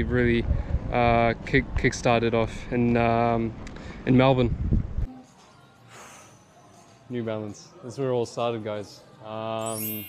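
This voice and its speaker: A young man with a New Zealand accent tells his own story casually to viewers in an informal language-learning vlog. His voice sits in the mid range, with slight background noise.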